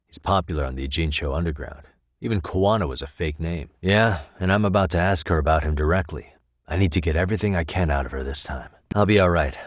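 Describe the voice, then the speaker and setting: A man voices a determined, streetwise private detective for a video game, speaking in an American accent with a measured, probing and bluntly persuasive manner. His voice sits low and sounds matter-of-fact. It's studio quality with no echo.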